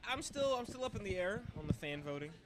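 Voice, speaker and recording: A man's voice: high voice, sing-song, fast talker, background noise. A man hosting and commentating a live stream, laid-back and joking as he rambles. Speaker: host and commentator. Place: glassblowing studio with people around.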